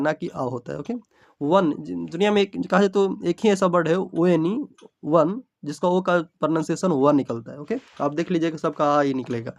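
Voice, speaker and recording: A man with a Bihari Hindi accent teaching an exam-prep English lesson from home, explaining in Hindi and reading the English options aloud. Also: sits high.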